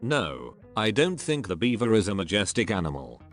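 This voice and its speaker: A man with a fairly low voice reads forum comments one after another as scripted narration. His pitch moves a lot, giving each line a lively contour, and he never pauses for fillers. Faint music plays quietly behind him. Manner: reads each post straight through, no fillers. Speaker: narrator reading online forum posts.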